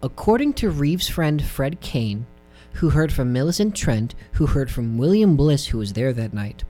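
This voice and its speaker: A man's voice: medium pitch, very animated, moderate pace, dark tone, faint music behind. A man co-hosting a casual podcast chat, recounting case details in a laid-back way with many fillers. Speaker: podcast co-host.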